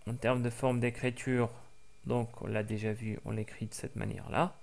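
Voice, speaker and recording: A man teaching a language lesson for French speakers, slowly repeating each word for practice, with frequent hesitations. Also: medium pitch, little pitch movement, creaky, a little mellow. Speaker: Arabic teacher.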